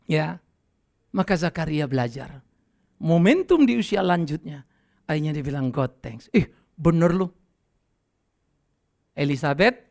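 A middle-aged man preaching a sermon as pastor, lively and conversational, acting out quoted dialogue and laughing with his listeners. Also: a little high, vocal fry. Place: church.

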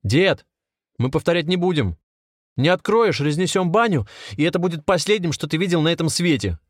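Man voicing nervous young sidekick, edgy, higher than his own, dry close. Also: animated, brisk, no echo. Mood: shouting. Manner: shouting, then hushed and uneasy. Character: nervous young male sidekick, pushed to anger.

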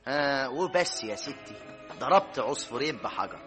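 An actor playing a blunt, joking bachelor brother on a bride visit, in a radio comedy. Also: male voice, mid-range voice, expressive, over loud music, natural voice. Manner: quick, joking and grumbling. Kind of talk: Egyptian radio comedy drama acting.

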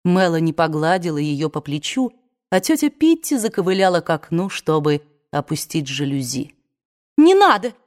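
A woman narrating a novel aloud in a measured, expressive reading. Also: deep voice. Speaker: audiobook reader. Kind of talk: scripted narration.

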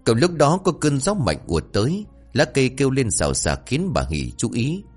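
A man narrating a horror story in a dramatic, animated storytelling manner. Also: mid-range voice, moderate pace, breathy edge. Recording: faint background music.

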